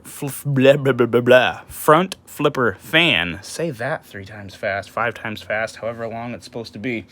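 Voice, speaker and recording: A man's voice: medium pitch, bright, forceful tone, dry recording. A man giving a casual, enthusiastic knife review, rambling with fillers and restarts, his early-morning voice tripping over words.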